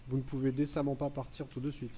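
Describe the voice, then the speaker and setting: A polite, formal village chief in a fantasy game, voiced by a man. He speaks at an ordinary pitch, and his voice comes from some distance, with faint noise in the mix. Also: flat delivery, quick pace, mellow, close to an everyday voice. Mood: welcoming. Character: courteous village chief, middle-aged man.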